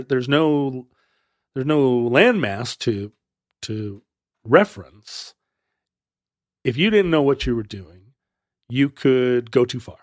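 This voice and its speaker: A man's voice: mid-range voice, no echo, studio quality. A man co-hosting a podcast, telling a history story in a casual, playful way with joking asides. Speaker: podcast co-host.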